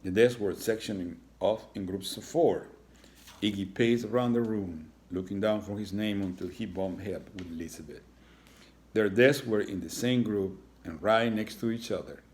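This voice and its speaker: A man with a lowish voice reads a children's chapter book aloud. He slips in casual asides to his young listeners between passages. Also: normal speed, a little mellow. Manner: adds chatty asides to listeners. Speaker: reader. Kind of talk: reading a children's story aloud.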